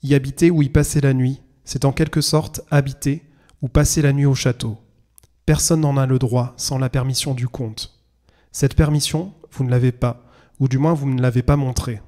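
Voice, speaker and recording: Brief: man reading haughty young official, stern, mellow tone. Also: medium pitch, steady tone, normal speed, natural voice. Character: haughty young man, castle porter's son.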